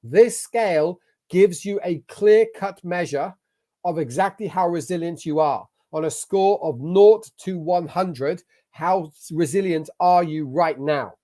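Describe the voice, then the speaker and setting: Sharing his screen at a computer, a man from England runs an online masterclass as a business coach, his delivery emphatic and motivational. He speaks a little slowly in a high-pitched voice with a dark tone.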